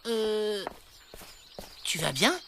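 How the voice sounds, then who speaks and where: A woman's voice: mid-range voice, extremely slow, loud music behind the voice. An actress playing a cocky, playful young boy in a cartoon, with a casual, teasing way of talking. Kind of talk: animated cartoon dub.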